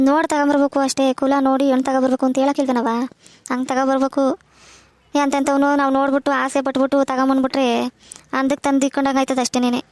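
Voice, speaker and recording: A woman's voice: high voice, darkish tone, dry recording, lightly acted. A woman playing a complaining old village widow. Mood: advising. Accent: rural Karnataka Kannada. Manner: lamenting, scolding, full of village sayings.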